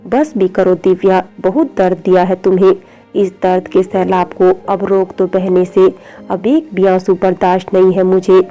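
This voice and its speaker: A woman voicing a young husband recovering from surgery, speaking gently and with affection. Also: fairly low pitch, level tone, normal speed, dull audio, soft background music, close to an everyday voice. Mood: affectionate.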